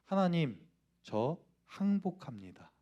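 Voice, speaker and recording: A man's voice: very animated, slow, lo-fi sound. A man playing a stern, devout mother. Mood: pleading prayer. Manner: low scolding voice, then hushed surrendering prayer. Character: stern, devout middle-aged mother, scolding then praying.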